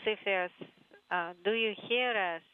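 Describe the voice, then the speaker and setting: A woman's voice: mid-range voice, measured pace, no room sound. Give me a woman relaying calls over a thin AM-radio link, tinny and dry. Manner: brief clipped relay of calls. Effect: thin radio transmission, like AM radio. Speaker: interpreter on the mission radio loop.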